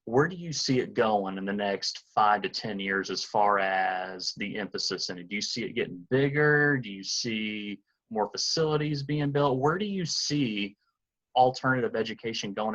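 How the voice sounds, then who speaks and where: A man's voice: fairly low pitch, moderate pace, a bit bright. A man hosting a podcast interview, affirming his guest and asking long open questions. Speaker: podcast host. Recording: dull lo-fi sound.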